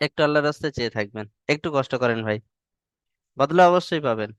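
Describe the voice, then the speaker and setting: A man's voice: mid-range voice, lively intonation, quick pace, clean tone, no echo. A male teacher, patiently drilling Arabic letters in an online class and stretching the sounds long. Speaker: Quran reading teacher.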